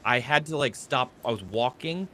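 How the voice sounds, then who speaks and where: A man's voice: medium pitch, animated, normal speed, pushed and bright, a little hiss or hum. A man in his thirties on a livestream panel, telling a story animatedly and acting out his own thoughts. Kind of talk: casual panel chat.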